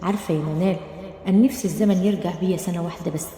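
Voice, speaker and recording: A woman's voice: on the low side, steady tone, rapid-fire, warm tone, close to an everyday voice. Tearful young wife, read by a woman, Egyptian accent, pleading, reverberant room. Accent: Egyptian Arabic. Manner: pleading, weepy. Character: frightened tearful young wife, unhappy in marriage. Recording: roomy, long reverb.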